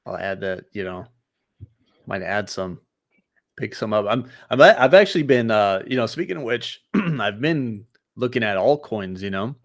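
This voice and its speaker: A man's voice: on the low side, lively intonation, normal speed. A man in a casual chat about crypto investing, talking in a laid-back, slangy, agreeable way.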